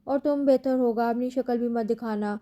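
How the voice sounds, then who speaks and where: Young husband in a storybook, clipped and restrained, read by a woman, high mellow voice. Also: steady tone, lightly acted. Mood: cold anger. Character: stern young husband, coldly furious.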